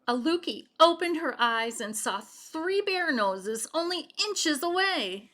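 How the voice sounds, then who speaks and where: Animated woman reading a storybook, bright voice. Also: high voice, slow. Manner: animated, addressing young listeners with questions. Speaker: storybook reader. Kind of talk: expressive read-aloud for children, with asides.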